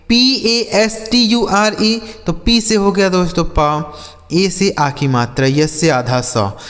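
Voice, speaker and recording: High-voiced male reading teacher. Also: fairly bright tone, long reverb tail. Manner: spells words letter by letter slowly, repeats quiz questions. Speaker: English teacher. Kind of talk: spelling-out reading lesson.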